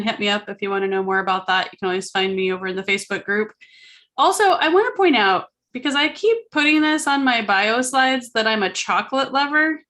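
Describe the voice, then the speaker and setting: A playful woman co-hosts a live online Q&A, tossing out quick asides. Her voice sits a little high. She talks loosely and casually about her work. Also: fairly bright tone. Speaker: co-host, accounting firm owner.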